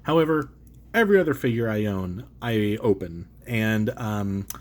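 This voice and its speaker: A congested man with a cold, voice fairly low, animated and a little mellow, talks at a moderate pace while unboxing and reviewing an action figure. As the channel's toy-reviewing host he rambles casually, stacking up fillers and correcting himself with restarts.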